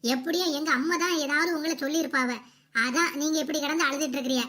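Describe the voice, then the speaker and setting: A woman's voice: high-pitched, steady tone, quick pace. A woman voicing a kind, protective young sister-in-law in a cartoon comedy. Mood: concerned. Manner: gentle, concerned.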